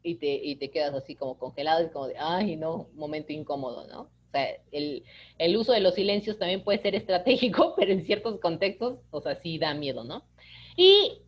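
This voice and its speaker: A woman's voice: fairly low pitch, lively intonation, fairly quick, lo-fi sound. A woman teaching an online course, chatty and keeps checking in with the class. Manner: chatty, keeps asking "¿no?", acts out quoted dialogue. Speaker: course instructor. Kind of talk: online lecture.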